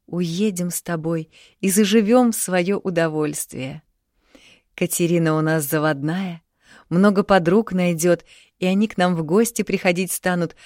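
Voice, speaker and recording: A woman voicing an indignant, quick-tempered young woman in an audiobook, her lines raised a little above her narrating voice. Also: on the low side, no echo, studio quality. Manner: indignant outbursts, sharp retorts.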